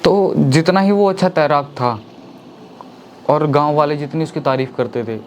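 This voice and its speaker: A man's voice: medium pitch, darkish tone, slight background noise. A man telling a horror story in a casual, chatty way, speaking to his listeners as friends. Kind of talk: casual spoken horror narration.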